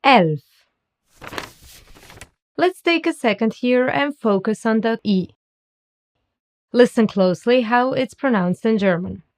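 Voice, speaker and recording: Speaking with a darkish tone on the high side, a female language teacher reads a scripted beginner lesson. Her pronunciation demonstrations are careful and slow.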